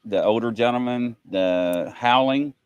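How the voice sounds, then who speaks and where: A man hosting a show, telling an anecdote in an animated, casual way. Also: medium pitch, measured pace, clear, resonant tone, no echo. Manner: animated storyteller. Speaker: host. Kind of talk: casual chat.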